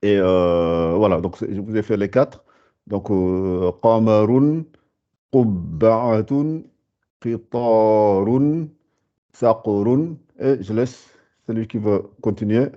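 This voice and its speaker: A man's voice: fairly low pitch, fairly even intonation, measured pace. A man teaching a beginners' Arabic class, patiently repeating sounds and words, with frequent fillers and restarts. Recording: dull lo-fi sound.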